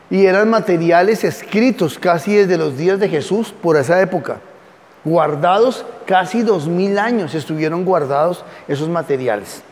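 A man's voice: sits high, darkish tone, long reverb tail. A man teaching a Bible class, reading from notes and often asking his listeners questions. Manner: conversational, asks the audience questions; reads aloud from notes and comments. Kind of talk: classroom lecture.

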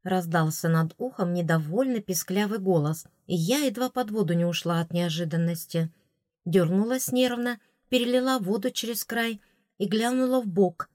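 A woman narrates a fantasy tale in first person, with a steady, expressive reading. Her voice sits at a middle pitch. The recording is dry and close. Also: moderate pace, no echo. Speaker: audiobook narrator.

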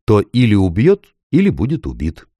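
A man's voice: fairly low pitch, wildly swooping pitch, moderate pace, dark tone, husky, dry recording, studio quality, pitched above the performer's own voice, full character voice. A man reading an audiobook, voicing a cautious, scheming nobleman who speaks in a wheedling, conspiratorial way.

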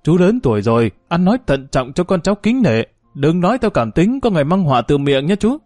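Man doing a cornered guilty villager, evasive, defensive, dark voice. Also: sing-song, a little fast, roomy sound, big-room sound. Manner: defensive, evasive, higher-pitched when protesting.

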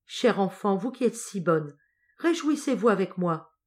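A fervent young exiled prince pours out his feelings in breathless bursts, voiced by a woman reading aloud. The voice sits at an ordinary middle pitch and swells when the joy overflows. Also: animated, a little slow, natural voice. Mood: ecstatic. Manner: fervent, tearful outbursts.

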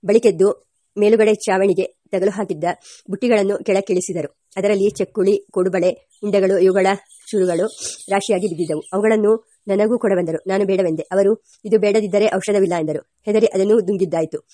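Woman reading a memoir, mellow and dry. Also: medium pitch, no room sound. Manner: steady, unhurried reading with small restarts. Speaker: audiobook reader.

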